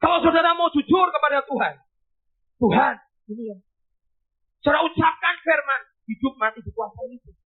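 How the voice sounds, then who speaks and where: High-voiced pastor, tinny sound. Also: male voice, a little fast. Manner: animated, shouting bursts then dropping to hushed. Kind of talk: sermon storytelling.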